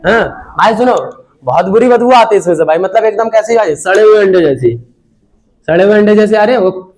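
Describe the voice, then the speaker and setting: A man with a high voice teaches chemistry to a room of students. He jokes with them and keeps asking if they understood. His delivery stays casual and chatty throughout. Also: animated, fairly quick, a little mellow. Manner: casual, joking, constantly checking if students understood. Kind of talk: classroom chemistry lesson. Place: classroom with students.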